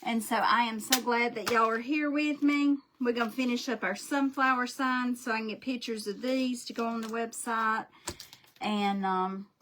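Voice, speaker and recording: A woman with a drawl hosts a home craft livestream, rambling in a folksy, friendly way as she paints. Her voice is bright and forward, picked up close by a desk mic in a small craft room. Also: fairly high pitch, slight background noise. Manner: chatty, folksy, greets viewers by name. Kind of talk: casual livestream chat while painting.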